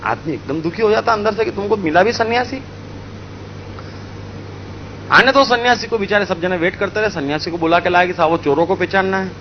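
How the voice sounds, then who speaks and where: A man from India telling a spiritual story in an animated way, acting out the characters. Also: high voice, fast talker, dull audio, a little hiss or hum. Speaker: spiritual speaker. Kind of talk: storytelling talk.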